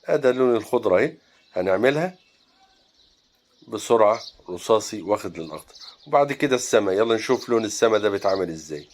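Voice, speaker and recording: A man with an Egyptian Arabic accent teaches landscape painting step by step. He talks in a relaxed way and pauses often to think aloud while he mixes colors. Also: fairly low pitch.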